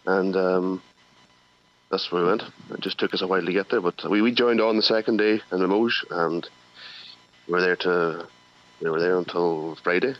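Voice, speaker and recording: A man with a Donegal Irish accent talking casually and haltingly, often repeating words, as an interview guest. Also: deep voice, steady tone. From County Donegal, Ireland. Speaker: radio phone-in guest, farmer. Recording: dull telephone line.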